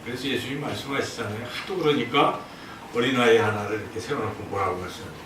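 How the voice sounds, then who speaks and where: A man's voice: medium pitch, fast talker, a little hiss or hum. Preaching man in an echoey church. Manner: emphatic preaching, swinging between loud and soft. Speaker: pastor. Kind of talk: sermon. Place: church sanctuary. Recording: very echoey hall, distant mic.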